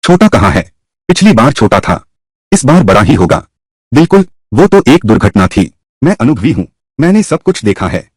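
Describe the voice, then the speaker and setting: A man dubbing a historical costume drama, voicing many characters in a lively, shifting way. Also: mid-range voice, normal speed, husky, no room sound, studio quality. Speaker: dubbing narrator voicing all roles. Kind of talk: Hindi dub of a historical drama.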